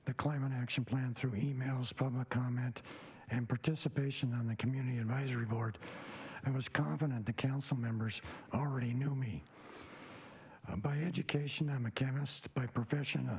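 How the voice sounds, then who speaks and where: Older man with a very hoarse, papery whisper. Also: medium pitch, steady tone, moderate pace, darkish tone, poor audio. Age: 70s. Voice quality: raspy, papery, breathy near-whisper voice. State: hoarse, recovering voice after a throat tube. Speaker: commission member. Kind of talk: prepared self-introduction at a public meeting.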